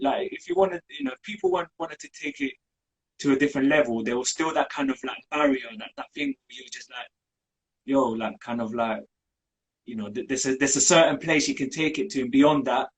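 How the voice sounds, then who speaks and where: A man's voice: medium pitch, slightly rough, rough recording. A young man from Colombia, talking in a casual interview with many fillers and restarts. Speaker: community group founder.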